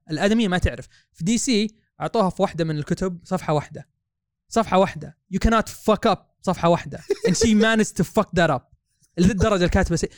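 Fast-talking ranting man. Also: high-pitched, dry recording, clean studio sound. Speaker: podcast co-host. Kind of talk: casual chat.

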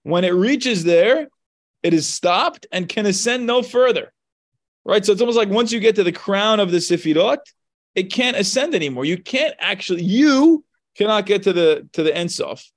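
Male teacher, slightly raised pitch, talks through a text study passage by passage. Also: expressive, normal speed. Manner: explains a text line by line, rising in pitch when stressing points.

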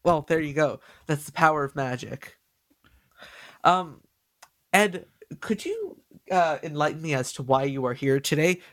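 A man hosting a podcast, chatting casually with a nasal voice and excitable, stumbling delivery. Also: a little high, measured pace, no room sound, studio quality. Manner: excitable, stumbling over words. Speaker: podcast host.

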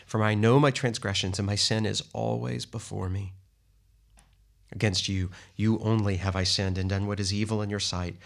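A man giving a steady, measured Bible reading, lightly voicing the people in the text. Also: lowish voice, creaky. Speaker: scripture reader.

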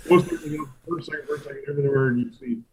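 A middle-aged man, a barbecue pitmaster telling stories in a casual interview, animated and profane, acting out what he and others said. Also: fairly high pitch, racing, a little hiss or hum, poor audio. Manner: animated, profane, quotes himself and others in acted asides. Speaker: competition barbecue pitmaster and restaurant owner.

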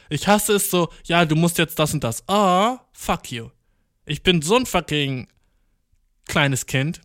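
A young man doing a rambling comedic monologue, full of swearing and English slang, jumping from mumbled asides to excited outbursts. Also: on the high side, dry recording, studio quality. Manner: slangy, profane, mixing English words into German; jumps from deadpan mutters to excited outbursts.

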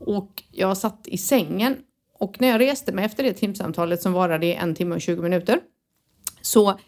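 Woman, casual chat, lively storyteller, swears freely, medium pitch. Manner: lively anecdote-telling with swearing and laughter. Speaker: podcast co-host.

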